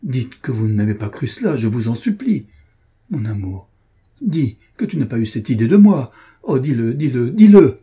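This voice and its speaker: An indignant, heartbroken woman pleads and reproaches her lover in impassioned bursts, as a male audiobook reader voices her. The tone is deep and mellow with a husky grain. It is a classic storybook read aloud. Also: normal speed, natural voice. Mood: pleading. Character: wounded, furious woman confronting her lover. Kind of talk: audiobook reading of a classic novel.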